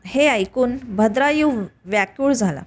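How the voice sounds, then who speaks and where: A woman with a somewhat high voice narrates a devotional tale from a script. She reads steadily, pausing between short phrases. Her delivery stays even and measured throughout. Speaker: storyteller.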